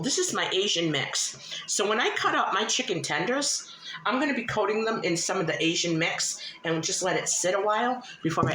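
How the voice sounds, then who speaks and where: Casual home-cooking host: woman, slightly winded, homely and conversational, lively intonation over noticeable background noise. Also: mid-range voice. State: slightly short of breath, recovering from illness. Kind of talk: casual cooking demonstration to viewers. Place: indoors at home, in a kitchen. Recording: roomy echo, clear background noise.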